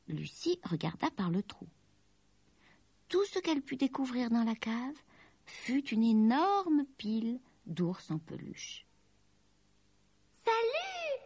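A woman reading a children's story aloud, slow and expressive with gentle dips in pitch. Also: husky, dry recording. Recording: dry close recording with faint music.

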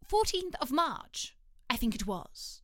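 A woman's voice: high voice, big pitch swings, slow, sharp tone, dry recording, clean studio sound, voice pushed up, exaggerated voice. A woman voicing a nervous, apologetic male hatter who rambles as he answers. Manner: apologetic and fidgety.

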